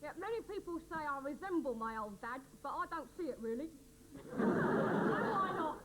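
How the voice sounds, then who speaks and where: A woman's voice: sits high, expressive, fast, a loud crowd. An actress playing a chirpy, cheeky woman guest on a chat show, with a Cockney accent, in a sketch comedy. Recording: noisy old TV recording.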